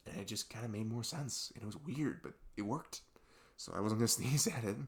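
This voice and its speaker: In this intimate ASMR audio roleplay, a young man voices an earnest male best friend confiding late at night, in deep talk that seems unscripted. Earnest and musing, he rambles reflectively and haltingly, dropping frequent "like" and "you know". His voice is close to an everyday one.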